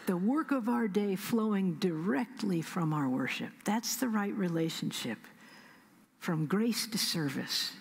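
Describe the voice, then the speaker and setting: A middle-aged woman with a Midwestern American accent delivers a sermon from the pulpit. Her voice sits a little low and sounds breathy, and she leans into slow, deliberate emphasis with some soft near-whispers. The sound carries the long reverb of a large sanctuary. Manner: measured preaching with slow emphatic pauses, soft whispered asides. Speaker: senior pastor. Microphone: pulpit stand mic.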